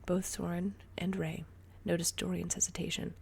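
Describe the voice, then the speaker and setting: A woman's voice: lowish voice, little pitch movement, moderate pace, slight background noise. Whispering woman reading a story. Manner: soft breathy whisper. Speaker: story reader.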